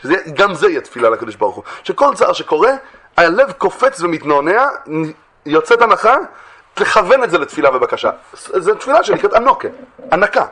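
Man teaching from religious texts. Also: slightly rough. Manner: reads aloud from classic texts, then explains them in plain words; lively, swings between raised emphatic phrases and quiet low asides. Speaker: Torah teacher.

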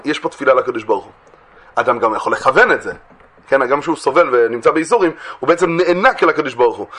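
Man teaching from religious texts. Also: husky. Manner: reads aloud from classic texts, then explains them in plain words; lively, swings between raised emphatic phrases and quiet low asides. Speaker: Torah teacher.

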